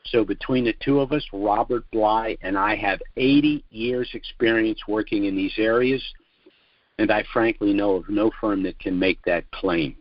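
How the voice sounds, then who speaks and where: On a telephone conference call, an older financial trust consultant hosts and delivers a formal sales presentation with deliberate, measured phrasing. His voice is on the low side, with no room sound, and the audio is muffled and lo-fi.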